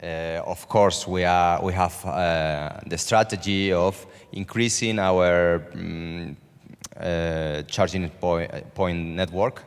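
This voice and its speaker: A man from Spain, a panelist answering in halting English with many fillers and tag "okay?". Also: sits low, fairly even intonation, clean tone. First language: Spanish. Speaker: panelist, company CEO. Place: large conference hall. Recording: conference hall reverb.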